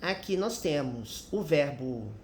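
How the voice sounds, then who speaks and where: A Brazilian-accented man walks through English grammar examples at an unhurried, deliberate pace. His tone is patient and explanatory. The room echoes noticeably, and faint noise sits underneath. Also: a little high, animated. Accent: Brazilian Portuguese. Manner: patient, explanatory, tags sentences with "né?". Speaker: English teacher. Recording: roomy echo with faint background noise.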